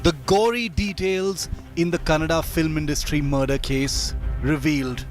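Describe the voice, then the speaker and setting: A man's voice: a little high, fairly even intonation, moderate pace. A man reading a scripted news report as a voice-over. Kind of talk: scripted news package narration. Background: music bed.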